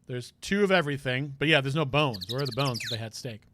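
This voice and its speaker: A man's voice: mid-range voice, animated, fast talker, fairly bright tone. A man casually reading a courtroom game aloud, chatting and thinking aloud as he plays. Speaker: game reader. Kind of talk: casual let's-play reading. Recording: noisy background.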